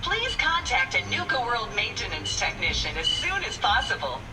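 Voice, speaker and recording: A woman voicing a cheerful female robot park guide with a metallic robotic filter, chattering in a sales-pitch patter broken by system errors. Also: sing-song, normal speed. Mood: glitching. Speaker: informational robot assistant. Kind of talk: video game dialogue. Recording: distant game audio over music.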